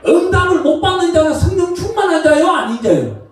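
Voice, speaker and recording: A man, a pastor, preaching a lively sermon with shouted call-and-response to his congregation. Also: very high-pitched, fairly quick, soft background music. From Gyeongsang region, South Korea. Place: church sanctuary. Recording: roomy echo from far off the mic.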